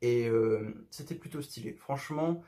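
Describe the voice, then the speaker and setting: A man's voice: medium pitch, measured pace, mellow. A young man talking casually to camera in his bedroom, rambling with lots of fillers and restarts. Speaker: youtuber.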